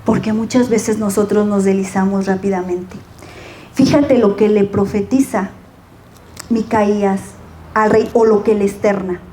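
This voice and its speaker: A woman's voice: medium pitch, fairly even intonation, measured pace, warm tone, slight background noise. A woman preaching a sermon who reads Bible verses aloud and then comments on them, calling her listener brother.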